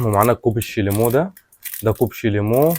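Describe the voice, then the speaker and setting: A man with an Egyptian Arabic accent giving a casual, repetitive sales pitch, presenting products in colloquial patter addressed to customers. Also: rapid-fire, a little mellow. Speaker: shop seller, product presenter. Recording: clearly noisy, rustling and clicking handling sounds.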